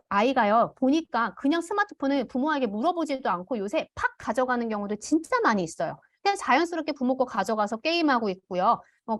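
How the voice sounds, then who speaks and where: Lively, high-voiced woman lecturing parents. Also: dry recording, clean studio sound. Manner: demonstrates parent phrases aloud. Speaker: parenting educator. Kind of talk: online parent education lecture.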